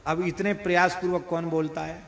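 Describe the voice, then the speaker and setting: A man giving a devotional sermon, slowly singing verses and explaining them with playful examples. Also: on the high side, flat delivery, vocal fry, fairly bright tone, slight background noise. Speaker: spiritual preacher. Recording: roomy echoing hall.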